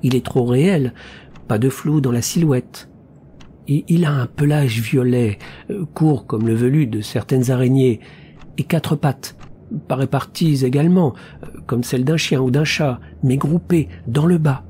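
A man reading an audiobook, voicing a troubled young woman who describes her visions in a soft, submissive, wide-eyed way, slightly higher than his own voice. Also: measured pace, slight background noise, natural voice. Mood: dreamy unease.

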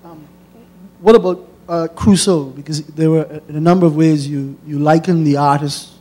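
A man's voice: fairly high pitch, steady tone, normal speed, darkish tone, breathy edge. A man interviewing a guest on stage, asking polite, somewhat hesitant questions. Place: lecture hall.

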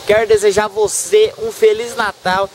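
A young man with a high voice and a rural Brazilian caipira accent. He talks casually as a comic channel host, using folksy country slang. The recording is made outdoors with slight noise behind him. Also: level tone, normal speed. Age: young adult. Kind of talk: casual comic vlog talk.

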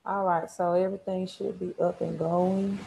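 A woman's voice: on the low side, flat delivery, moderate pace, creaky, mellow, slight background noise, low-quality recording. A woman in her thirties with a Southern Mississippi accent, coaching informally on a live stream, repeating words for emphasis and often checking in with "right?". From Mississippi, United States. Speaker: credit repair coach. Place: small room at home, indoors.

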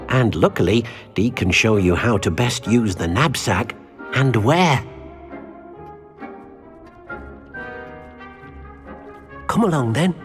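A male actor with a medium-pitched voice performs a scripted video game role: a small, elderly house-elf servant who is gentle and earnest. The character sounds eager and refers to himself in the third person.

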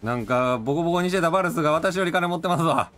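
A man's voice: a little high, lively intonation, rapid-fire, fairly bright tone, soft background music. A man chatting casually while playing a game, joking around in an exaggerated put-on Kyoto-style dialect. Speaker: gamer.

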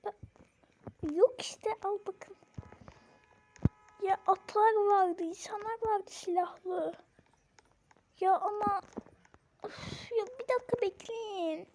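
A woman's voice: very high voice, takes it slowly, long pauses, darkish tone, a little hiss or hum. A woman playing a daughter in a game role-play, chatty and pleading as she explains herself.

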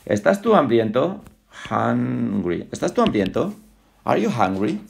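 A man's voice: medium pitch, big pitch swings, measured pace, creaky, a little hiss or hum. A man giving a casual English lesson at home. He repeats words again and again, corrects pronunciation and drops chatty asides about being in a hurry. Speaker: English teacher. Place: home with a dog.

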